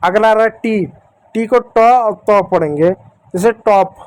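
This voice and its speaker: A man teaches children English letter sounds. He goes slowly and patiently, repeating each sound and calling the kids to follow along. The recording is close and dry, with no room echo. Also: high-pitched. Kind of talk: explanatory lesson.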